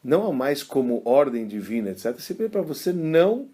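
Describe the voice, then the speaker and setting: A man, a rabbi giving a casual religious lesson and telling stories in an animated, colloquial way. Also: medium pitch, brisk. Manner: animated, colloquial storyteller, acting out quotes. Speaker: rabbi teaching a class.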